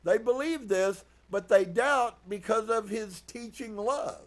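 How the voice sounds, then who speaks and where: A man preaching earnestly as a pastor, reading from a book and reflecting on it with soft laughs. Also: sits high, a little slow. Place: live stream.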